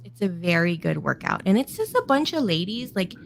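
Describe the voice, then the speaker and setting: A woman's voice: medium pitch, big pitch swings, fairly quick, vocal fry, slight background noise. A woman chatting casually and encouragingly as a guest mom, often laughing. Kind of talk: casual chat.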